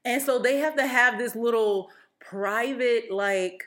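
A woman with a fairly high voice co-hosts a relaxed film podcast. She chats casually and retells movie scenes at length, with plenty of fillers. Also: measured pace. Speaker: podcast co-host.

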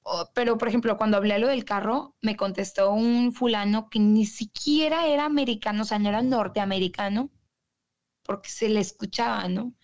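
A woman's voice: mid-range voice, moderate pace, a little mellow, muffled recording. A woman from Monterrey with a northern Mexican accent, telling her stories as a guest in a casual, slangy way. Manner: chatty, slangy, quotes people in her stories. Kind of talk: casual storytelling in an interview.

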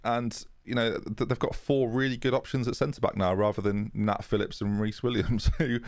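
Man, low voice, gravelly fry, casual football chat, dry sound. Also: steady tone, normal speed, no room sound. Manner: chatty, restarts often with a laugh. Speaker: football podcast co-host.

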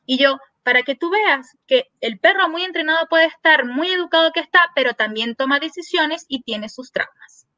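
A woman veterinarian guest on a podcast, telling a lively story and acting out the dialogue in quoted voices. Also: high voice, normal speed, few pauses, no echo, muffled recording.

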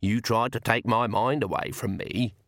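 A man voicing a stern, sharp-tongued elderly witch who talks in blunt rural speech. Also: lowish voice, fairly even intonation, moderate pace, no echo, studio quality, close to an everyday voice.

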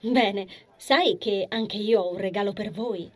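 A woman voicing a gentle young woman who talks softly and playfully to a small child in an audiobook. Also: medium pitch, measured pace, lightly acted. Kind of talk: audiobook character voice.

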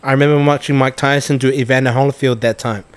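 A man's voice: mid-range voice, fairly even intonation, quick pace, clean tone. A man in his thirties with a New Zealand accent, chatting casually and slangily and acting out bits of dialogue. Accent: New Zealand (Kiwi). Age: 30s. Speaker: podcast co-host. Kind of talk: casual anecdotal chat.

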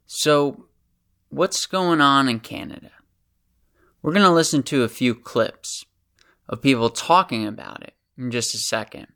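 American male podcast host, gravelly, fired-up profane commentary. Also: medium pitch, measured pace, fairly bright tone. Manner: passionate, ranting and profane. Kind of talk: opinionated solo commentary.

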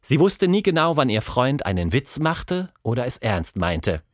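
A man narrates a children's adventure with expressive, scripted delivery. His mid-range voice rises and falls freely. The sound is close and dry, with no room echo. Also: mid-range voice, a little slow. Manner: lively, expressive storytelling.

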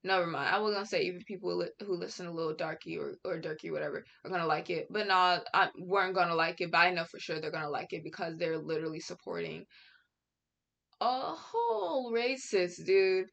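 Rambling young woman, gravelly fry. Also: on the low side, fairly even intonation, fast, few pauses, fairly bright tone, lo-fi sound. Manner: rambling with many fillers and restarts; outspoken, frequent casual slang. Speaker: commentary vlogger. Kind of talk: casual reaction commentary.

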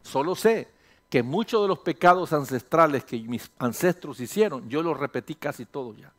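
Pastor, man, high voice, lively sermon delivery, rhetorical questions, slips into English now and then. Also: moderate pace. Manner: animated, rhetorical questions, voices imagined listeners; mixes in English phrases.

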